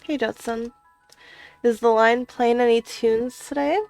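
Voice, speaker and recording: A woman voicing a thoughtful, polite young animal boy in a story game, gentle and earnest. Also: on the high side, steady tone, unhurried, vocal fry, no echo, distant mic, soft background music.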